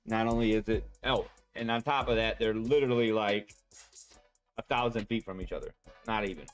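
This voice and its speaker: A man chatting casually to his stream viewers, rambling and excitable, full of fillers and restarts. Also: on the low side, normal speed. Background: faint music.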